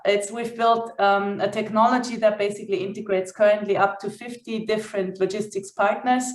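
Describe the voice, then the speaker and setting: A woman from Austria speaks on a startup panel in a brisk, practical way. Her pitch stays level with little rise and fall. The room around her is roomy and echoing. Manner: brisk, practical, frequent "basically" and "um". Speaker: startup co-founder and CEO. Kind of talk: panel talk.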